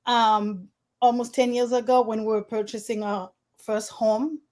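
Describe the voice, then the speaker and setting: A woman's voice: a little high, level tone, measured pace, a little mellow. A woman from Haiti, a realtor guest in an interview, telling her story in an earnest way, with slightly non-standard phrasing. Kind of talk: conversational interview.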